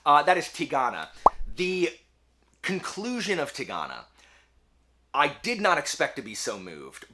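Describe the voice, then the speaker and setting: A man whose voice sits on the high side, pushed and bright, hosts his own video as a book reviewer. He chats casually to viewers about his reading in an informal, rambling, slangy manner.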